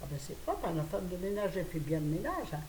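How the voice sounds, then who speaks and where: An older woman from France chatting quickly to her phone camera at home, laughing at her own stories. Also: on the low side, big pitch swings, dark tone. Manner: fast, chatty, laughing at herself. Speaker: vlogger. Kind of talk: casual chat to camera. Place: her apartment, indoors. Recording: roomy, distant phone audio with faint hiss.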